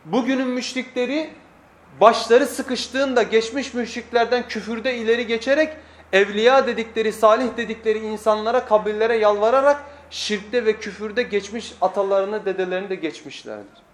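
A man's voice: sits high, fairly even intonation, normal speed. A man preaching a weekly sermon lesson at a pulpit microphone, emphatic, repeating phrases and putting rhetorical questions to his listeners.

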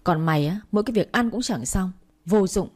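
A woman's voice: medium pitch, lively intonation, a little fast, a little mellow, husky. A woman reading a story, voicing a cruel, two-faced young woman who scolds a child harshly. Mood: harsh scolding.

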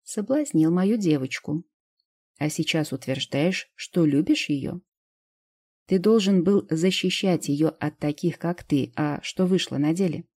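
Woman reading a threatening father in an audiobook: outwardly calm, dark and husky. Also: low voice, unhurried, heavily acted. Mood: menacing. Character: stern middle-aged father, menacing and calm. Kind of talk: audiobook character voice.

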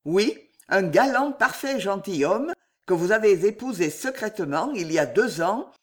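A reader voicing a scheming, powerful male general in an audiobook, speaking in a measured, commanding way. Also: mid-range voice, animated, lightly acted. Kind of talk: audiobook reading.

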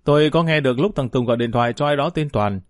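A vengeful young martial artist, voiced by a man in a storybook, furious and accusing. He talks quickly through gritted teeth. The sound is dry. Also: medium pitch, no echo, lightly acted. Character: angry young male martial artist seeking revenge.

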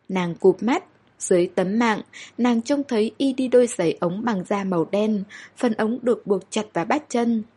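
A woman reading a story aloud in steady, measured audiobook narration. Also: mid-range voice, husky.

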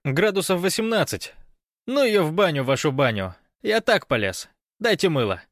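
A hot-headed man who talks high and loud, played by a male narrator, in a low-toned audiobook reading. Every line comes out strained and forceful, and the recording is dry and close. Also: very animated, moderate pace, no echo. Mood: exuberant. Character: agitated man Kostya, loud and fierce.

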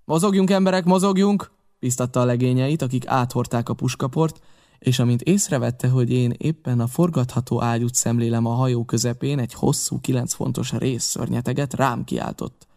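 A man narrating a classic adventure novel in the first person, with steady storytelling delivery. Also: mid-range voice, vocal fry. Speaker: audiobook narrator.

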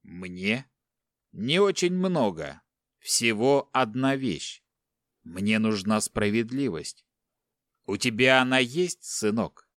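A man voicing a calm, menacing male captor in a monk's cassock, speaking slowly in a low voice. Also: no echo, studio quality. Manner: slow, measured, low-voiced.

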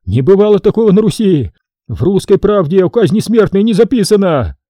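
A man voicing a cowardly captive priest who sobs, whines and pleads in a high, strained voice. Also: very animated, normal speed, mellow, no room sound, studio quality, full character voice. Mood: wailing. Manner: whining, sobbing, high-pitched pleading. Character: wailing cowardly captive male priest, a poisoner. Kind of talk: audiobook character voice.

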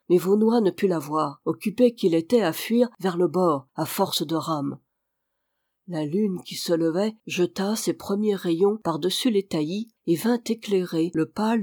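An audiobook reader with a middle-pitched voice tells a classic adventure novel at an even, measured pace. The recording is dry and close, with no room sound at all. The delivery stays steady throughout, as in scripted narration. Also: no echo.

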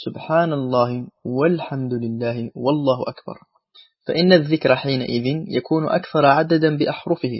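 Male religious teacher, husky voice, formal measured lesson delivery, dull lo-fi recording. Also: mid-range voice.

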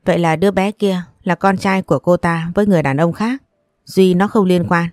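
Lady reading a cranky older mother-in-law, snappy and scolding, lowish voice, dry recording. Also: brisk, no room sound, lightly acted. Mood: puzzled. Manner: sharp, scolding.

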